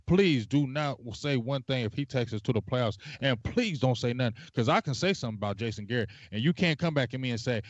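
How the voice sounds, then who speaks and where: A man's voice: mid-range voice, animated, no room sound. Male co-host, heated rambling sports rant, dry close sound, dull lo-fi audio. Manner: passionate, rambling, drawn-out fillers. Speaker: podcast co-host. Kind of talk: casual sports talk livestream.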